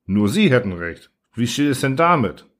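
A man's voice: mid-range voice, big pitch swings, moderate pace, fairly bright tone. A man reading the lines of a thoughtful young soldier who asks probing, earnest questions.

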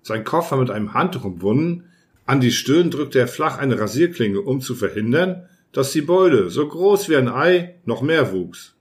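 A man reads an audiobook narrated in the first person, in a measured, even delivery with a mid-range voice.

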